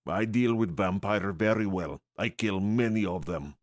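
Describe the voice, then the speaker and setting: A woman's voice: a bass voice, measured pace, voice pushed down. A woman voicing a blunt male vampire slayer with a put-on Russian accent and broken English. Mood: menacing blunt.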